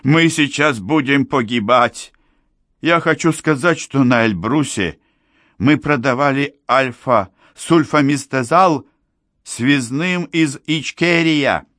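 A man voicing a hoarse old foreign man who speaks broken Russian, pitched well above the reader's own voice. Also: slow, a bit bright, dry recording, studio quality. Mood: pleading confession.

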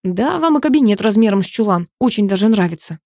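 A woman's voice: medium pitch, expressive, quick pace, darkish tone, no room sound. A woman reading the part of a brusque male police commander, speaking in curt, dry jabs.

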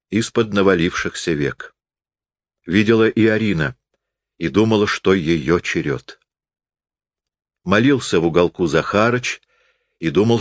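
A man calmly reading a classic story aloud, with measured storytelling. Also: on the low side, no room sound. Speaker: narrator. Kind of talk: literary audiobook reading.

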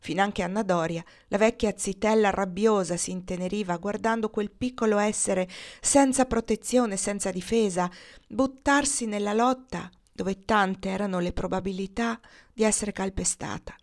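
A woman's voice: mid-range voice, moderate pace. A woman reading a classic novel aloud as an audiobook, lifting her voice for the characters' dialogue. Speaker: audiobook reader. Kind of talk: literary audiobook narration.

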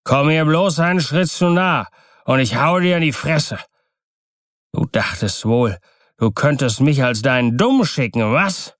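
Bellowing drunken sailor, higher and louder than the narration, read by a male narrator. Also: animated, a little slow, no echo, studio quality. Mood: aggressive. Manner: rowdy, bellowing, slurred. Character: drunk, defiant male sailor, coarse and boastful.

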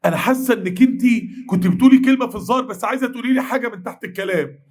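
A man voicing a touchy young woman who probes her friend with suspicion, in quick, pressing speech. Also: very high-pitched. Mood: suspicious. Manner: suspicious, probing.

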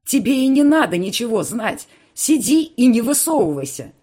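A man's voice: very high voice, big pitch swings, normal speed, dark tone, pitched above the performer's own voice, exaggerated voice. A man voicing an older, furious uncle who heads a crime family, in an audiobook. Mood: raging.

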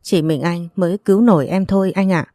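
A woman's voice: fairly low pitch, fairly quick, dark tone, no room sound, clean studio sound, close to an everyday voice. A woman voicing a remorseful younger man who begs his older brother for rescue in a read-aloud story. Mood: begging. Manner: begging, remorseful. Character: desperate younger man, gambler begging forgiveness.

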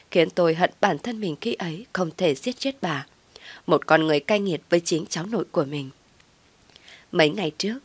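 A woman narrating a first-person family drama story in a steady, measured way. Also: fairly low pitch, no echo.

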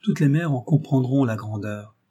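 A man narrating an adventure novel in a measured, expressive reading. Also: medium pitch, breathy edge, muffled recording. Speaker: audiobook narrator. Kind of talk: scripted narration.

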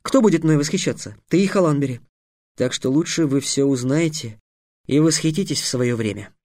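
A man's voice: fairly high pitch, fairly quick, darkish tone, no room sound, clean studio sound, close to an everyday voice. A man voicing a stern, clever teenage squire who lectures curtly. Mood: quiet thoughtful. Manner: curt, lecturing.

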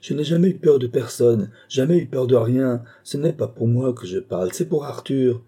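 A man voicing a blustering, cowardly gentleman in an audiobook, agitated and indignant, insisting he fears nothing. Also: fairly low pitch, animated, brisk, breathy edge. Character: blustering, cowardly gentleman who claims no fear. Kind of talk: audiobook character voice.

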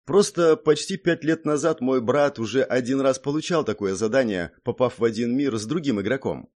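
A man's voice: medium pitch, darkish tone, lightly acted. A man reading an audiobook, voicing a brash, teasing young blonde woman who snorts and scoffs. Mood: explaining. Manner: snorting, exclaiming, quick to scoff. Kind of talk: audiobook character voice.

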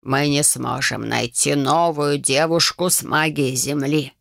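Woman doing a creaky, grating old man. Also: low-pitched, fairly even intonation, a bit bright, no room sound, clean studio sound, voice pushed down, full character voice. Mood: pressing. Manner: slow, hissing, querulous.

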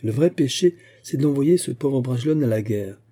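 A man's voice: mid-range voice, expressive, normal speed, warm tone, voice pushed up, lightly acted. A man reading aloud and voicing a cruel young woman at court who taunts her rival insistently. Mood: taunting.

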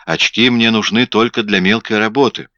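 A man's voice: lowish voice, steady tone, normal speed, pushed and bright, no room sound, lo-fi sound, pitched above the performer's own voice. A man reading an audiobook, voicing a timid, hesitant little husband who answers carefully. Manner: hesitant, apologetic.

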